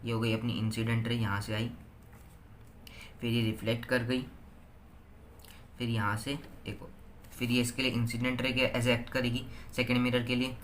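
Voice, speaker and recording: A teenage boy tutors a physics problem, walking through each step and reading numbers out slowly. His voice stays flat with little rise and fall, at a middling pitch. A faint hiss sits under the recording. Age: teens. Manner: slow, step-by-step, reads numbers out one by one. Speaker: student tutor.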